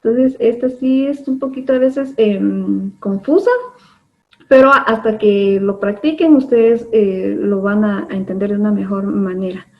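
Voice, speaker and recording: A woman's voice: mid-range voice, a little slow. A woman teaching an online class, explaining patiently step by step with frequent fillers, heard over a video call. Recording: dull lo-fi online class audio.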